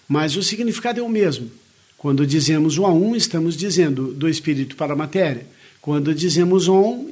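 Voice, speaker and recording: Brief: male spiritual teacher, husky and a bit high, reads a lecture earnestly with asides. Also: a little mellow. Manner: measured, earnest reading with short spoken asides. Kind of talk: reading a spiritual lecture aloud with comments.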